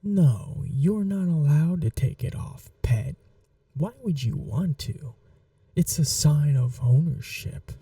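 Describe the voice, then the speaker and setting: In an intimate ASMR roleplay, a man plays a seductive, possessive vampire, speaking in a soft, breathy half-whisper. His manner is languid, teasing and condescending, with a sweet yet possessive mood. His voice is fairly high, and the dry recording has him far from the mic.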